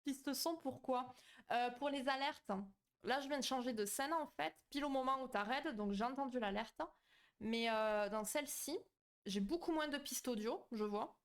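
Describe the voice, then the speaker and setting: A high-pitched woman at a moderate pace runs a casual psychology live stream, saying hello to chat and reading it aloud through a home mic. Her manner is friendly and chatty toward viewers, though her speech hesitates with "euh," fillers and restarts.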